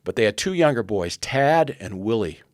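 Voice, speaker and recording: A man's voice: lowish voice, sing-song, normal speed, no echo, clean studio sound. A man in his sixties, a podcast guest, earnestly retelling a historical story and quoting the people in it. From United States. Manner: earnest, retells events with quoted dialogue.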